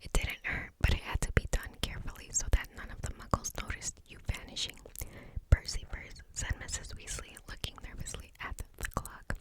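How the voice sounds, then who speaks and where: Asmr lady whispering a book super quiet, no voice at all just breath, tingly mouth sounds. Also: a little fast, low-quality recording. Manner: whispering, barely audible, unvoiced.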